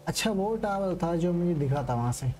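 A male game streamer giving live commentary, excitable and full of swearing as he reacts and asks chat for likes. His voice sits somewhat high with a dark, mellow tone. Faint noise hangs underneath. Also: fairly quick.

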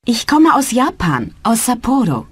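In a slow, scripted language-course dialogue, a woman plays a polite young student asking simple questions. She speaks at a measured pace, her fairly high voice lively in intonation with a breathy edge, and she commits fully to the character voice.

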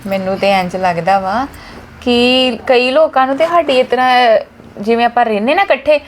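A woman's voice: a little high, moderate pace, a little hiss or hum. Chatty young woman in family skit. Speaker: daughter-in-law in a skit.

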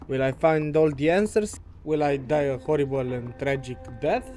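A man's voice: on the high side, animated, moderate pace, mellow. A man giving casual, nervous commentary as he plays a horror game, sounding scared and swearing freely. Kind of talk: casual let's-play commentary. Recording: game music behind the voice. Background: video game music.

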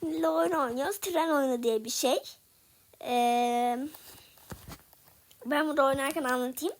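A woman's voice: sits high, measured pace. A young woman giving casual gameplay commentary, talking to viewers and getting frustrated at a hard level. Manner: frustrated, talks to viewers while playing. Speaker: gaming video creator.

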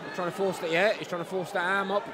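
A man's voice: high voice, little pitch movement, fast. A man co-commentating a live mixed martial arts fight, reacting in short exclamatory phrases. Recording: loud music and crowd behind voice. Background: loud music and crowd.

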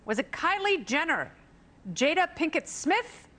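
A woman's voice: very high voice, sing-song, fairly bright tone. A middle-aged woman hosting a playful quiz game on a talk show, bubbly and teasing. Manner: bubbly, teasing, quick jokes and laughs.

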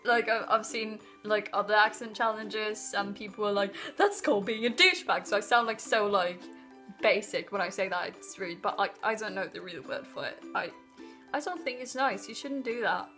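A woman's voice: mid-range voice, moderate pace, fairly bright tone. A woman from Norway, a native Norwegian speaker, chatting casually into her phone in her living room, stumbling and apologizing as she goes, sounding a little off sick. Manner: chatty and self-conscious, with frequent stumbles and apologies. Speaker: vlogger. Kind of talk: casual vlog chat. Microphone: phone propped on a stack of things. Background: faint added background music.

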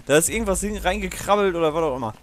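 A man's voice: high-pitched, racing. A man hosting a let's play, giving casual gaming commentary in a chatty, digressive way with frequent swearing and laughter.

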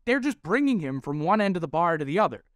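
A man's voice: on the high side, very animated, quick pace, clean tone, no echo, studio quality. A man narrating a comedic recap of his reporting in a self-deprecating, rambling way.

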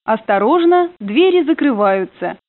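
A woman's voice comes over a train intercom, rather high and lively in its rise and fall. The sound is narrow and phone-like, with no room around it. She announces stops and door warnings in a polite, formal way. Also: unhurried, no echo. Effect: played over a train intercom. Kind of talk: prerecorded transit announcements.

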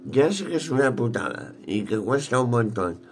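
A man's voice: medium pitch, very animated, faint music behind. A man in his thirties with a Peninsular Spanish accent, chatting casually and thinking aloud in a colloquial, rambling vlog style. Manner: unhurried, thinking aloud, colloquial with mild swearing. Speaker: vlogger. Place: small cluttered room at home, indoors.

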